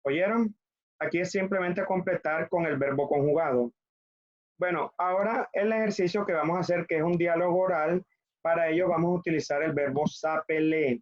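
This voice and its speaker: A man's voice: a little high, normal speed, muffled recording. A man with a Colombian Spanish accent teaching a French class over video, patiently drilling conjugations for students to repeat.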